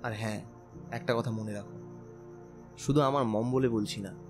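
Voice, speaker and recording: In a romantic audio drama, a man plays a tender, teasing young bridegroom, speaking earnestly and persuasively. His voice sits on the low side, close to an everyday voice, with fairly even intonation and a moderate pace. A music bed plays underneath.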